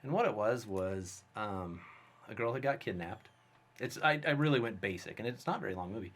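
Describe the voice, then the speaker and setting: A man, a guest filmmaker, telling a story in casual, animated conversation. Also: on the low side, fairly quick. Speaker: guest, special effects artist and filmmaker.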